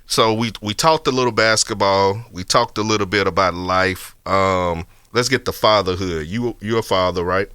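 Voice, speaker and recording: A man hosting a casual podcast interview, talking in a relaxed, conversational way with lots of "you know what I mean". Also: sits low, moderate pace, hardly any pauses, clear, resonant tone, dry recording. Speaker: podcast host.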